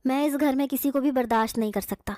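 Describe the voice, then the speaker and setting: A woman voicing an angry, reclusive young man who is secretly a jinn, speaking harshly, scornfully and slowly. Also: sits high, a little mellow, no room sound, studio quality, lightly acted. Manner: harsh, scornful and slow-spoken.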